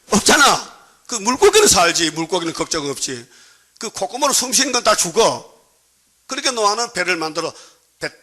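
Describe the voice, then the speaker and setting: Bright, forceful Gyeongsang Korean preacher. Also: male voice, fairly high pitch. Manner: prods the congregation with constant questions; colloquial, joking preaching. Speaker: pastor. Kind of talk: sermon.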